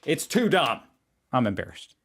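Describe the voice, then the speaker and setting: A man hosting a reaction video, delivering sarcastic, deadpan commentary. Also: mid-range voice, normal speed.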